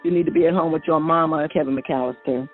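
On her psychic call-in radio show, a deep-voiced woman talks quickly with fairly even intonation, though her delivery stays folksy and sing-song as she repeats phrases. Music runs behind the tinny, phone-like radio feed.

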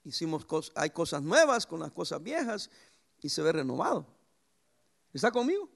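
A man preaching a sermon as pastor, lively and anecdotal, with sudden jumps in pitch. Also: normal speed, creaky.

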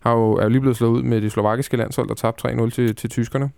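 Smooth-voiced man hosting a casual chat. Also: medium pitch, steady tone, darkish tone, no echo. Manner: hesitant, many fillers and restarts. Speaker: podcast host. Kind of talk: casual football podcast chat.

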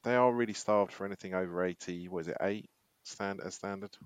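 A man's voice: deep voice, fairly quick, smooth, no echo. A man co-hosting a podcast, chatting casually and rambling with hesitations. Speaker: podcast co-host. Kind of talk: casual chat.

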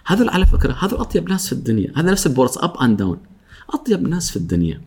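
A man, a guest speaker on workplace etiquette, talking in a lively way, acting out coworkers' lines and often laughing. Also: on the high side, very fast, gravelly, slightly rough. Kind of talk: animated talk show chat.

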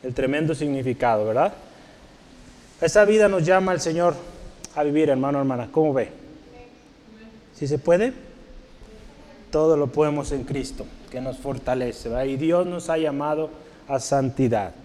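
A man's voice: fairly high pitch, normal speed, long pauses, darkish tone. A man preaching a Bible lesson, addressing his listeners politely and often checking that they follow while he writes words on a board. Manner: addresses listeners formally, writing terms on a board as he teaches; asks frequent checking questions. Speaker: preacher teaching a Bible class. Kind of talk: sermon.

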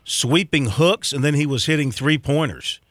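A man hosting a sports talk radio show, reading off team rankings in a chatty way with many pauses and fillers. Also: on the high side, a bit bright, no room sound. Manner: chatty, reads off stats with many ums and uhs.

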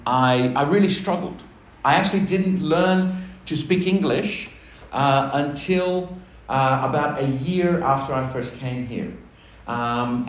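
A medium-pitched man, a pastor, preaches a personal testimony sermon in a church hall with a roomy sound. His tone is conversational and self-deprecating, and he shares laughter with the congregation.

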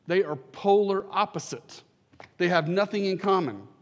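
Here a pastor with a high voice and moderate pace prays and preaches into a pulpit mic, his sermon swelling into passionate, emphatic statements. A long reverb tail hangs in the church sanctuary.

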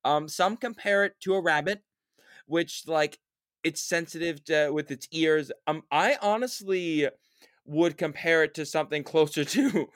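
Podcast co-host, male, slightly high voice, eager rambling explainer, dry close mic. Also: measured pace, a bit bright, dry recording. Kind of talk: casual chat about monster game creatures.

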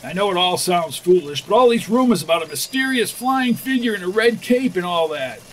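A man playing a gruff, excitable, commanding newspaper editor in a 1940s radio serial. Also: high-pitched, fairly quick. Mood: brisk. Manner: brusque, commanding. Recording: noisy vintage 1940s radio recording.

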